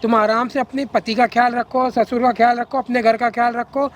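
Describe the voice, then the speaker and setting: A man's voice: very high voice, little pitch movement, fairly quick, slight background noise. A man playing a bossy, coercive older widower. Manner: domineering, ordering about. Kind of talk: short-film drama acting.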